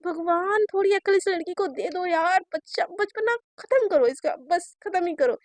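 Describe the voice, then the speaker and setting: A woman's voice: very high-pitched, moderate pace, dry recording, pitched above the performer's own voice. A woman voicing a lovesick young woman who keeps pleading and apologizing to her girlfriend, her tone exasperated and coaxing.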